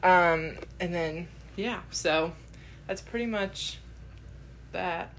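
Young woman, co-host, casual chat, giggly and gushing, slightly low voice. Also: a bit bright, a little hiss or hum. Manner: gushing, laughing, fast fan talk. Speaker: podcast co-host.

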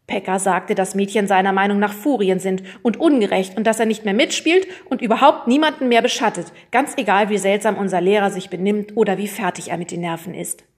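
A woman reading a children's storybook aloud, narrating lively and putting on voices for the characters. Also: mid-range voice, fairly quick, few pauses. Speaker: audiobook reader.

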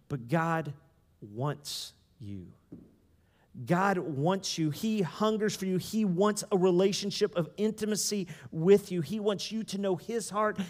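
A high-voiced man in his thirties preaches with loose, conversational energy, slipping into joking asides to the room. His voice rings out with a long, hall-like reverb behind it. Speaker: pastor. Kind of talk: sermon.

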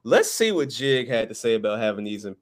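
A man's voice: lowish voice, big pitch swings, a little fast. A man hosting a casual podcast, joking and emphatic. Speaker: podcast host.

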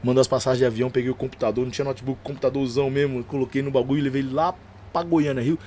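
A man with a São Paulo accent, a gospel rapper and preacher telling stories as a podcast guest, slangy and animated, acting out the dialogue. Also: medium pitch, racing, slight background noise. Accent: São Paulo Portuguese. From São Paulo, Brazil. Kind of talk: casual storytelling chat.

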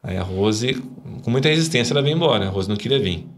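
A man's voice: mid-range voice, lively intonation, fast talker. A man, a podcast guest telling a personal faith story in a rambling way, tagging his sentences with little questions. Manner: rambling, frequent "né?" tags, emotional storytelling. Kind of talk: conversational testimony.

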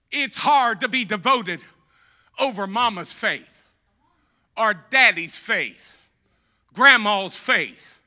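A man preaching a sermon as pastor, repeating key phrases, rising to shouted peaks and dropping to quiet, conversational asides. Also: sits high.

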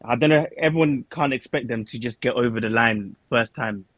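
A man's voice: mid-range voice, fairly quick, a bit bright, dry recording. A man with a London accent and a roadman slang delivery, chatting casually as a football fan on a panel. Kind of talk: casual chat.

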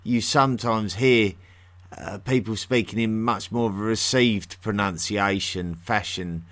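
A man's voice: on the low side, a little slow, fairly bright tone. A man with a London-area English accent hosting a history podcast, chatting in a friendly way with many ums and restarts. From England, near London. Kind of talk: solo podcast talk.

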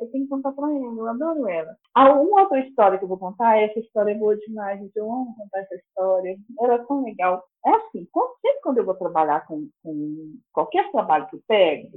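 A Brazilian Portuguese-speaking woman hosting a podcast, telling chatty stories and exclaiming to her listeners. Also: on the high side. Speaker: podcast host. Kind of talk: casual storytelling monologue. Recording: tinny phone-like audio.

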